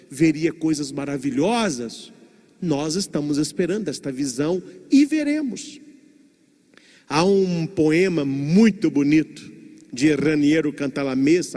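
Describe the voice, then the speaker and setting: Emphatic priest, expressive storyteller, sermon in a reverberant hall. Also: male voice, fairly high pitch.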